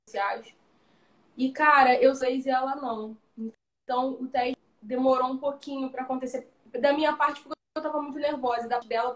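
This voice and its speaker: A Brazilian woman, a guest actress, telling stories animatedly in a casual live chat over a video call. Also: high voice. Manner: animated storytelling, slangy. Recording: roomy echo.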